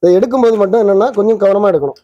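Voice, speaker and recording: A man hosting his channel speaks in a high, mellow voice as he casually demonstrates a vintage twin-cassette tape recorder. He moves fast, pointing out the parts one by one, and the audio is dry, dull, and lo-fi.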